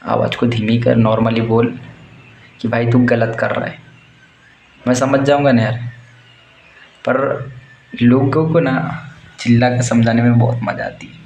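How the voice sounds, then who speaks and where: A man's voice: medium pitch, gravelly, a little mellow. A young man gives blunt, crude, fired-up life advice in a casual motivational monologue. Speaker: warehouse worker giving life advice. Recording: roomy echo, faint background noise.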